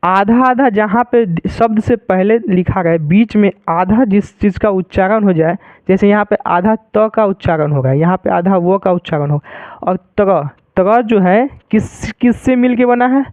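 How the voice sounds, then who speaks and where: Slow, high-voiced man teaching grammar. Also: dry recording. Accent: Hindi. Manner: explains slowly, repeating each example with questions. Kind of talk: grammar lesson. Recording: tinny phone-like sound.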